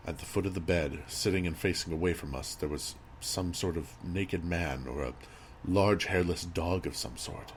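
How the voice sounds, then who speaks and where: A man reading a scripted horror story as narrator, in a measured, grave storytelling manner. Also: low-pitched. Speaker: creepypasta narrator. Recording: audible background noise and ambience.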